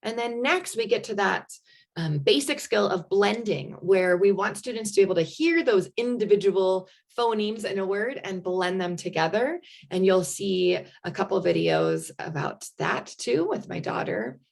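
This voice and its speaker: A woman's voice: medium pitch, lively intonation, moderate pace, creaky. A woman presenting early literacy lessons and playing patient, encouraging phonics games with her young daughter.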